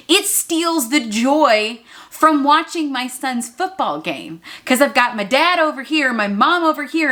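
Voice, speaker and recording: A woman's voice: on the high side, pushed and bright. Earnest blunt woman in her thirties. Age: 30s. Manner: earnest, blunt, preachy, addresses viewers as "y'all" and "you guys". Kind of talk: direct-to-camera advice talk.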